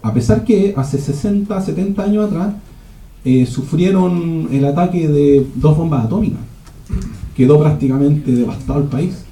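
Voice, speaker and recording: A man's voice: on the high side, moderate pace, mellow, a little hiss or hum. A man giving a rambling teaching talk at a men's church retreat, often restarting his sentences. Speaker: retreat speaker. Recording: echoey room.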